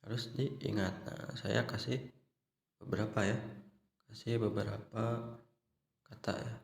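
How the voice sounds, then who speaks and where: A man's voice: fairly low pitch, steady tone, unhurried, gravelly, reverberant. A man explaining grammar patiently, step by step, as a language teacher, with a constant "ya" and "nah". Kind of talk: explanatory online lesson.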